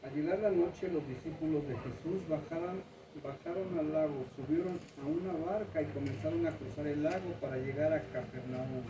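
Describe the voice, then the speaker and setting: Guy reading the bible passage, kinda high voice, far off mic, echoey and noisy. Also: moderate pace. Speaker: scripture reader.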